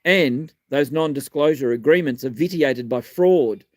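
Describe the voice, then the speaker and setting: An Australian man in his fifties, missing a front tooth, hosts a live stream as a community advocate, talking politics and answering viewer questions in blunt, emphatic, sweary short phrases. His voice is on the high side and unhurried, recorded as clean studio sound with no room noise.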